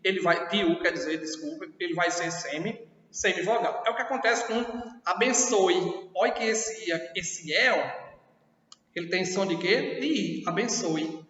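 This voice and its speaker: In this classroom lesson, a Brazilian man with a high, slightly bright voice walks through the material step by step, frequently stopping to check that everyone follows. His Brazilian Portuguese accent comes through a distant, lo-fi recording made in a reverberant, boomy room that sounds dull.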